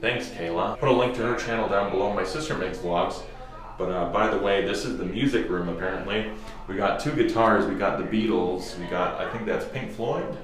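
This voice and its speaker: An actor with a low voice vlogs quickly from a film set, chatting casually to the action camera he holds himself, rambling, joking and swearing, with faint music behind. He moves through a closet and hotel rooms on set, where the small spaces echo and there's busy crowd noise.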